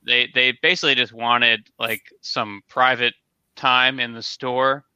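Bright, smooth-voiced man rambling casually. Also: medium pitch, little pitch movement, measured pace, no echo, highs cut off. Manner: rambling, repeats words, frequent ums. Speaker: podcast co-host, toy brick store owner. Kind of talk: casual chat.

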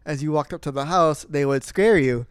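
Male podcast co-host, somewhat high crisp voice, deadpan and skeptical in casual review chat. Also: moderate pace, no echo, clean studio sound.

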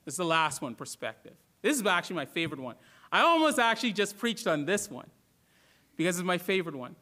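A man from the Bahamas preaches in a church, his voice pitched high for a man. He speaks earnestly, asks his listeners questions and often restarts his words. The tone is bright and forceful. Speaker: pastor. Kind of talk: sermon.

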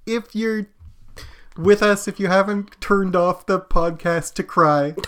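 Man podcast co-host, playful and casual, very animated delivery. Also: high voice, very slow. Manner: playful, wraps up the show. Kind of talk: casual chat.

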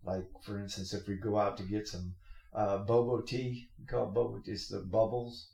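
A man's voice: fairly low pitch, flat delivery, moderate pace, creaky, mellow. A middle-aged man hosting a podcast, rambling through stories in a casual chat with plenty of restarts and laughs. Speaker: podcast host. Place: work shop with machines. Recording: roomy echoey shop recording.

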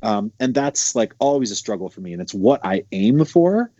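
A man in his thirties from Montana, a bass player talking loosely with lots of fillers. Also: very animated, normal speed, dark tone, no room sound, lo-fi sound. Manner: loose, rambling storytelling with many fillers. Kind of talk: casual conversation.

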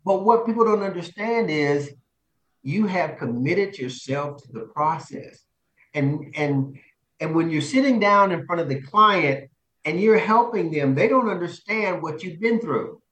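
A man coaching and co-hosting, telling stories in a casual chat, animated and laughing often. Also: a little high, unhurried, roomy sound, far from the mic. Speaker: coach and podcast co-host.

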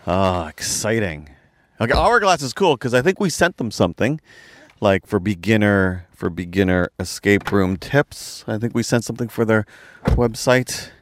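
A man's voice: lowish voice, normal speed. A man co-hosting a travel vlog, chatting and joking with friends in a car. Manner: joking, teasing, lively. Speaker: vlog co-host. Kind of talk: casual chat.

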